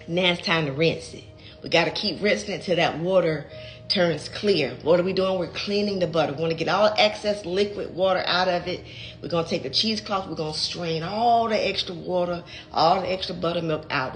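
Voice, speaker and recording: Middle-aged woman, folksy home-cooking vlogger, lower register. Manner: chatty, folksy, calls viewers baby and child. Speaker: home cook and gardening creator. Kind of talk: casual how-to vlog. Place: home kitchen.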